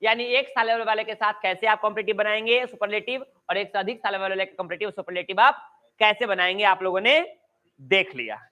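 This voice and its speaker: High bright-voiced Bihari Hindi teacher. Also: male voice, highs cut off. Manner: drawls and repeats key phrases slowly, chatty asides to students. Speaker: English grammar teacher. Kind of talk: online class lecture. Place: coaching class at home.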